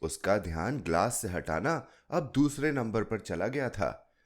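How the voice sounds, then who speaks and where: A man narrating a short story in an expressive, unhurried storytelling manner. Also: fairly low pitch. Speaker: podcast narrator.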